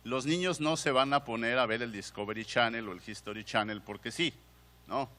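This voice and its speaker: With a bright, forceful mid-range voice at normal speed, this man presents a conference lecture as a museum director, carrying a Mexican Spanish accent. He keeps it conversational, asks the audience questions, and restarts phrases often, all under long hall reverb.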